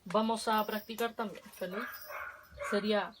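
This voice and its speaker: A woman's voice: mid-range voice, steady tone, moderate pace, noisy background. A woman, teaching an online language lesson from home and patiently drilling syllables aloud.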